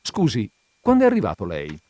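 A man's voice: lowish voice, huge pitch swings, a little fast, darkish tone, no room sound. A big, jovial braggart in his fifties spills his story in a chatty, confiding way, voiced by a man reading an audiobook. The sound is dry and close. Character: fat, jovial middle-aged man, garrulous and boastful.

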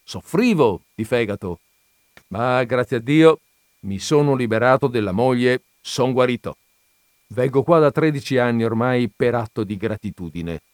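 A man's voice: medium pitch, moderate pace, no echo, close to an everyday voice. A big, jovial braggart in his fifties spills his story in a chatty, confiding way, voiced by a man reading an audiobook. The sound is dry and close. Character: fat, jovial middle-aged man, garrulous and boastful.

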